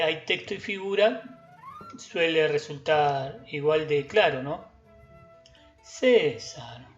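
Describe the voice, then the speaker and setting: Patient music teacher, slow and methodical, dull recording with faint music behind. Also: medium pitch. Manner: slow, patient, chants example words syllable by syllable. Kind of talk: recorded lesson.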